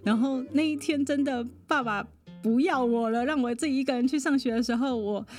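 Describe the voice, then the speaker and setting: A woman, a psychologist guest on a podcast, telling a personal story in a lively way, often laughing and mimicking other people. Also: sits high, brisk, faint music behind.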